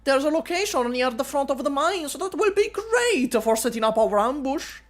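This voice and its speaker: A woman voicing a scheming female mercenary, in a high, sing-song, taunting way while reading a game story aloud. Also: expressive, normal speed.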